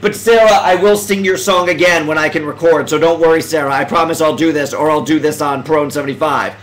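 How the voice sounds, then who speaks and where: A man with a high, light voice hosts a casual live stream, talking to viewers. He rambles and restarts his sentences, jumping from excitement to emotional reflection. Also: brisk, low-quality recording. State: emotional, close to tears.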